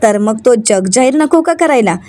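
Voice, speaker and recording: A woman's voice: fairly high pitch, animated, normal speed, mellow, close to an everyday voice. A woman voicing an overjoyed young husband, exclaiming as she reads the lines of a serial recap. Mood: elated.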